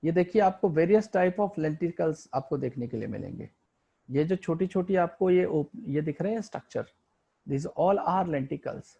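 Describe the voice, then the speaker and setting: A man's voice: a little high, expressive, measured pace, gravelly, mellow, husky, lo-fi sound. A man teaching a biology lesson over a diagram, asking his students questions and answering them himself, with English terms mixed into his Hindi. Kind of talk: online lecture explaining a diagram.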